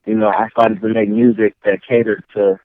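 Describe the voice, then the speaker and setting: In a dry, narrow, tinny recording, a man speaks at a moderate pace in a fairly low, flat voice. He's a rapper being interviewed, originally from Chicago and later Mississippi, with a slightly Southern-tinged Chicago accent and a conversational habit of saying "you know what I'm saying."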